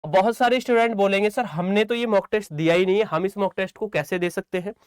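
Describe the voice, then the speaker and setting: Speaking fast in a high-pitched, clean tone, a male coaching teacher gives students an informal lesson, stressing points through repetition and frequently making sure they follow. The sound is studio quality without echo.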